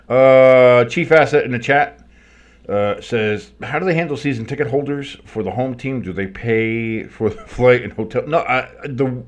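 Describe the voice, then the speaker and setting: A male sports streamer with a mid-pitched voice that comes across tinny, as recorded in a kitchen. He calls plays and chats casually in between, with a blunt, sardonic manner. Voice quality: tinny sound. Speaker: sports play-by-play commentator and stream host. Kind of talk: play-by-play commentary mixed with casual chat. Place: kitchen, not a studio.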